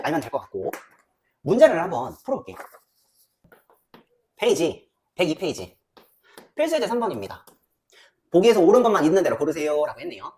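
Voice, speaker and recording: Animated woman teaching math. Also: on the low side. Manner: lively, banmal with quick questions to students, muttering while calculating. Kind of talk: classroom lecture.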